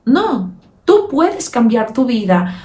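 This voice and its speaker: A woman hosting a motivational podcast who speaks emphatically and warmly calls the listener "my love.". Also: on the high side, sing-song, slow, echoey room, far from the mic. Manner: emphatic, addresses listener as "mi amor". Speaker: podcast host.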